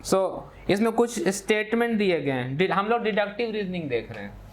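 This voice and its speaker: High-voiced male math teacher lecturing. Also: big pitch swings, normal speed, a little hiss or hum. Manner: explanatory, repeats "ठीक है" often, mixes English terms in. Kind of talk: classroom lecture.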